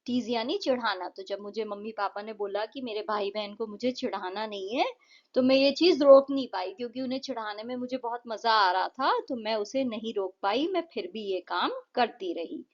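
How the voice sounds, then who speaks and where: A woman with an Indian accent, teaching an English lesson and explaining a poem in simple, patient steps, reading English lines aloud slowly. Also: a little high, highs cut off.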